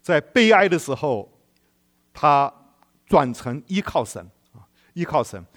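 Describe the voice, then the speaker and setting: Male preacher, animated storyteller, fairly high voice with a very lively pitch. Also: measured pace. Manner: animated storytelling with rhetorical questions to the congregation. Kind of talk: sermon.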